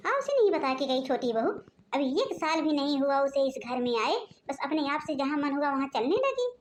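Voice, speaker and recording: A woman's voice: high-pitched, sing-song, a little fast, a little hiss or hum. A woman voicing a bossy, nagging mother-in-law in a cartoon, scolding and giving orders.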